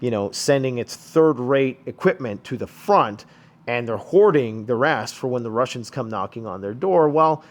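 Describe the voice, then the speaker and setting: A man with a voice worn hoarse from illness, giving rambling, casual commentary on the news as the host of his channel. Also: medium pitch. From Canada. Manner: rambling, conversational, frequent "you know" asides.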